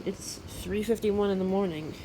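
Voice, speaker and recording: An amateur weather radio vlogger speaks at medium pitch and normal speed, giving casual, rambling, matter-of-fact commentary to her phone while half muttering to herself. She's in a room at home at night, recorded handheld with faint background noise.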